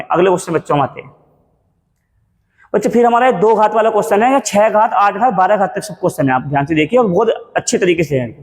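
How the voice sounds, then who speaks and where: A man's voice: high voice, in a large hall. A man teaching a maths lesson in Hindi, calling viewers children and asking questions he answers himself. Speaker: math teacher. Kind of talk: classroom-style maths lesson.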